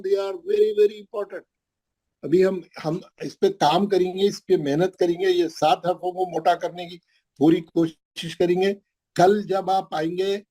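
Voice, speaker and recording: A man teaches Quran letter sounds over a video call, drawing each syllable out slowly for his pupils. His voice is slightly high for a man, yet dark and husky in tone. He repeats patiently and adds the odd English word. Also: rough recording. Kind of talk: online class on pronunciation.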